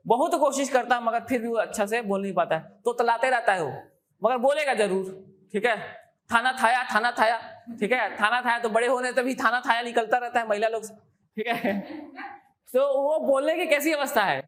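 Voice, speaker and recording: A woman's voice: on the high side, brisk. A woman teaching an exam coaching class in a classroom, repeating key terms and quizzing her students with questions.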